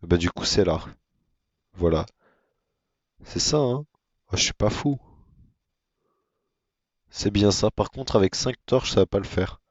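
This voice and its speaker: A man giving casual, monotone commentary on his own gameplay, with self-mocking asides. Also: fairly low pitch, a little slow, long pauses, no echo, lo-fi sound. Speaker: gaming video creator.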